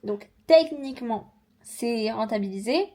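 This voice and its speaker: A young woman chatting casually in a vlog, unboxing and reviewing makeup with slangy, animated asides. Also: on the high side, a little slow. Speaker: vlogger.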